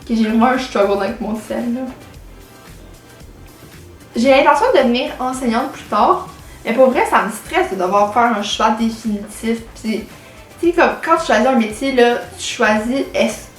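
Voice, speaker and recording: A woman's voice: fairly high pitch, normal speed. Chatty Québécois teen girl, echoey room. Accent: Québécois French. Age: late teens. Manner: chatty, many fillers and anglicisms. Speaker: vlogger. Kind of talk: casual chat to camera. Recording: echoey room with faint music.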